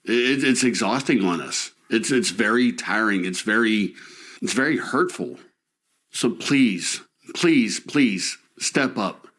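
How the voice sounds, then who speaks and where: A man's voice: on the low side, expressive, a little slow, a bit bright. A man speaking as a local resident, making an impassioned appeal, emotional and stammering as he repeats himself.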